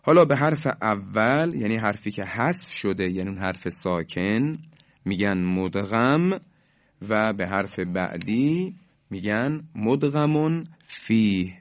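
A man teaching Quran recitation on the radio, explaining each rule and slowing down to model the recited examples. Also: lowish voice, expressive, no room sound, dull audio.

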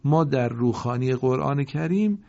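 A man teaching Quran reading in a recorded lesson, with a mid-pitched voice. He chants each example word slowly and melodically, then explains in brisk asides. The recording sounds dull and lo-fi. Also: expressive, vocal fry, mellow. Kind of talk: recorded reading lesson with repeat-after-me drills.

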